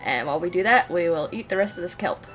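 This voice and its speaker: A woman's voice: lowish voice, expressive, fast talker, soft background music. A young woman chatting casually through a live game stream, laughing often and reading dialogue aloud.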